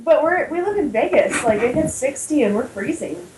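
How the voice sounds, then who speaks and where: A woman's voice: sits high, animated, moderate pace, a little mellow. An American woman co-hosting a poker talk show, chatting animatedly and laughing often. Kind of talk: casual chat. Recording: echoey room, faint ambient noise.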